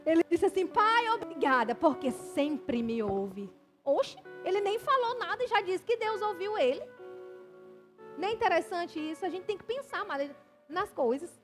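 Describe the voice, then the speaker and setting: A woman preacher, delivering a sermon in a church with lively, conversational retellings. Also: very high-pitched, moderate pace. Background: music.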